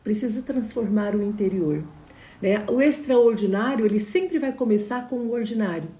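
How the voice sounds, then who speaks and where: A woman gives a live online motivational talk. Her voice is fairly high but mellow, and her delivery stays conversational, with frequent tag questions. The sound rings in an echoey room. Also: moderate pace. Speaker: motivational speaker.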